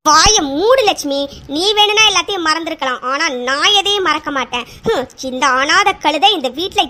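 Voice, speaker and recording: A woman's voice: very high voice, lively intonation, moderate pace, sharp tone, full character voice. A woman voicing a cruel, scornful old grandmother in a cartoon serial, with harsh, taunting scolding. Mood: furious.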